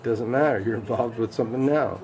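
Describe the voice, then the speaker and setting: A man's voice: mid-range voice, brisk, crowd noise. A man in rambling casual talk, complaining in a sweary, confrontational way.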